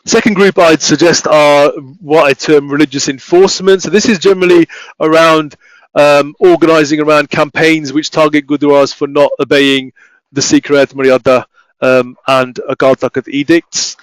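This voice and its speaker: A man giving an academic talk, speaking haltingly with many restarts and fillers. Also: on the high side, fairly even intonation, no room sound, rough recording. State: voice failing, coughing. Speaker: academic researcher presenting.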